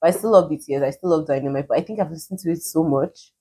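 A woman's voice: low voice, racing, dark tone, husky. A woman with a Nigerian accent giving casual reaction commentary in a giggly, self-mocking way. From southeastern Nigeria. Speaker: YouTuber.

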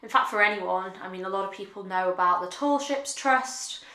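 A young woman talking earnestly and reflectively to camera in a casual vlog, pausing often with fillers, seated on a sofa at home. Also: mid-range voice, pushed and bright, reverberant. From United Kingdom. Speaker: vlogger. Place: living room with sofa, indoors.

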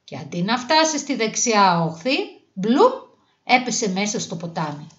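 A woman reading a children's fairy tale aloud in a gentle, even storybook manner. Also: mid-range voice. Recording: dull lo-fi recording.

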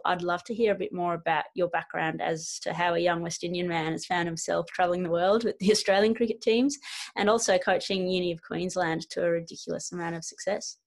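A young adult woman hosting a podcast over a video call, asking friendly, upbeat questions. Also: lowish voice. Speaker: podcast host. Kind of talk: casual interview talk. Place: indoors, small room with a plain wall.

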